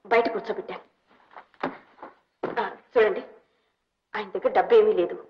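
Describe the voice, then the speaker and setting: An actress playing a selfless young woman who speaks gently and pleadingly on behalf of a sick old man. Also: medium pitch, fairly even intonation, moderate pace, slight background noise, natural voice. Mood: gentle. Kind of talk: 1960s Telugu film drama. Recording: dull old film soundtrack.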